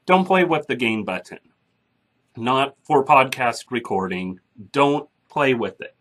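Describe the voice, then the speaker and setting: His medium-pitched voice is animated and a bit bright, and he speaks a little slowly. Through a soundboard-connected mic, this man runs a casual screen-recorded podcasting tutorial, talking through each step in a chatty, blunt way.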